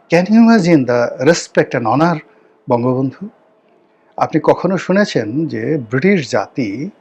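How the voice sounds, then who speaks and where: A man's voice: mid-range voice, breathy edge. A man commenting on a political talk show, speaking emphatically with rhetorical questions and English phrases mixed in.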